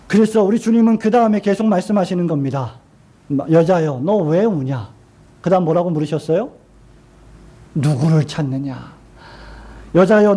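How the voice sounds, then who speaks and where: A middle-aged male pastor preaching a sermon, asking the congregation questions and slowing down to quote scripture gently. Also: high voice. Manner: asks the congregation questions and has them repeat lines; slows down and drops his voice when quoting Jesus.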